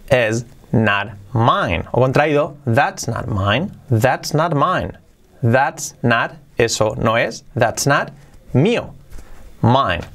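A man teaching English in a podcast lesson, switching between explanations and slow, drawn-out English example sentences. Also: medium pitch.

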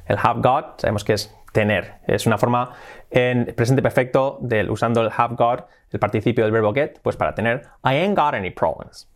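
A man teaching English in an online video lesson, talking lively and emphatically and repeating words and example phrases. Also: mid-range voice. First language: Spanish.

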